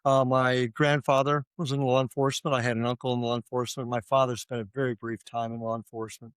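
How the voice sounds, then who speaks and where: A man's voice: medium pitch, level tone, fast, clear, resonant tone, no room sound. An older man from Ohio, a retired police officer, talking casually as a guest with lots of fillers and restarts. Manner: rambling with many fillers and restarts. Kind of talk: casual interview conversation.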